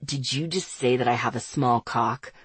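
A woman voicing a smug, confident man with a low, dry, teasing delivery. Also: normal speed, husky, no echo, full character voice.

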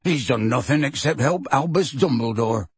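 A man doing Hagrid, a gruff, stubborn giant gamekeeper. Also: medium pitch, expressive, moderate pace, no echo. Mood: testy. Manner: testy, defiant, outspoken.

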